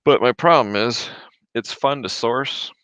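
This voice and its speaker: A man's voice: mid-range voice, a little slow, fairly bright tone, smooth, no room sound, rough recording. A man from Michigan hosting a casual livestream, chatting with viewers and answering their reselling questions while he eats. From Michigan, USA. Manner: chatty, reads viewer comments aloud, chews while talking. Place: his home. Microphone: desk microphone. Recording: dry close mic, drops off when mic moved away.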